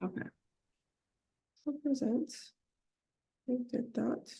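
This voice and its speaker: A hesitant woman with a cold, originally a Somali speaker and now from Seattle, presents an online community webinar through a video call. Her voice sits on the high side and is gravelly and dark, taken slowly, and the audio sounds dull. She fills gaps with ums and restarts mid-phrase.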